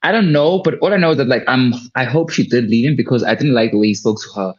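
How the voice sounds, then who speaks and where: A man around thirty, co-hosting a casual TV review chat, animated and joking. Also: mid-range voice, quick pace. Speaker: co-host of a TV review show. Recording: dull lo-fi mic.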